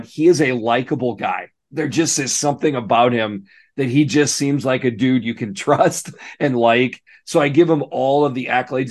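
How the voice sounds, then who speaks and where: A man co-hosting a casual sports podcast, hoarse and gravelly today, talking in a relaxed, rambling way with frequent restarts. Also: mid-range voice. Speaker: co-host.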